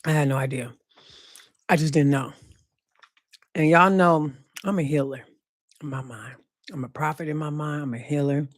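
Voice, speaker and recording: A woman hosting her own podcast, talking casually and loosely about faith, slowing down to repeat her key points with emphasis. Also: low-pitched, steady tone, dry recording, clean studio sound. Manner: slow emphatic repetition of key phrases, casual and profane. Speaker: podcast host. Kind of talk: casual faith-themed monologue.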